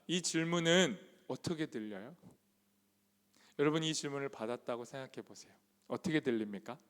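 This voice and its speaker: A man's voice: medium pitch, a little fast, a bit bright. A man preaching as a youth pastor in a church, conversational and asking the congregation many questions, with a long hall reverb. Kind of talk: sermon. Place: church sanctuary.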